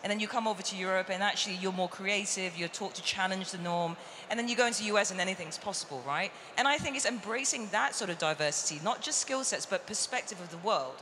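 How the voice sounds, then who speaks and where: A woman's voice: mid-range voice, fast, few pauses, bright, forceful tone. A woman from the UK, speaking earnestly as a conference panelist. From United Kingdom. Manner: earnest, reflective, draws on personal experience. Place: large conference hall stage. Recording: reverberant hall with faint noise.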